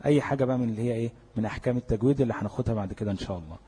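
Husky Egyptian male tajweed teacher. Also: mid-range voice, racing, warm tone, long reverb tail. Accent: Egyptian Arabic. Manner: explains step by step, asking and answering his own questions. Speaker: Quran recitation teacher. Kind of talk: classroom lecture on tajweed.

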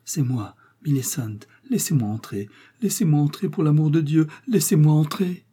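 A frantic young woman in a read-aloud novel, her voice pushed high and loud as she begs for pity, put on by a male narrator. The tone stays husky and mellow underneath. She sounds breathless and near madness. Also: normal speed. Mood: pleading. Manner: pleading, raised and breathless.

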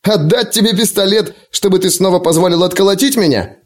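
A man's voice: big pitch swings, normal speed, a little mellow. A man voicing a spoiled, panicky young prince who shrieks his orders in an audiobook. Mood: scornful anger. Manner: shrill, screeching. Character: hysterical young male prince, spoiled and cowardly.

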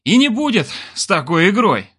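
A hot-tempered young bandleader barks orders in a high, strained voice that sits well above the reader's own, as a man puts him on. He is loud, bossy and full of curses, and sounds constantly on the edge of exploding at his mates. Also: huge pitch swings, moderate pace, husky, heavily acted. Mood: snapping. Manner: shrill, bossy, swearing. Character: hot-tempered young male band leader, yelling.

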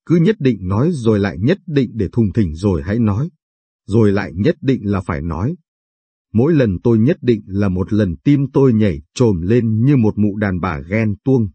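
A man narrating a late-night storybook reading in a measured, confessional way. His voice sits low and sounds husky and mellow. The recording is close and dry, with no room sound. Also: expressive, no room sound, muffled recording. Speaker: story reader, channel host.

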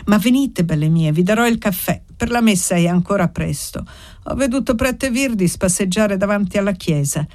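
A woman's voice: mid-range voice, animated, moderate pace, a little mellow, natural voice. A woman voicing an affectionate, vain old village woman in a read-aloud novel. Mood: doting. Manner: doting, fussy.

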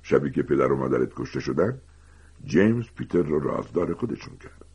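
Man playing a gentle weary teacher in an audiobook, deep, gravelly, lively, dull lo-fi. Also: exaggerated voice. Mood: earnest. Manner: calm, confiding storytelling. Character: gentle, weary grown male teacher confessing secrets. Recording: dull lo-fi recording.

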